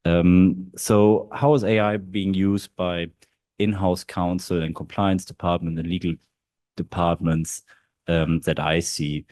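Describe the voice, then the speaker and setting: Speaking on a panel at a legal event held in a big historic hall, this in-house lawyer from Germany has a German accent and fills his hesitant speech with lots of fillers. His voice sits low and slightly mellow, flat and unhurried, recorded with no room sound.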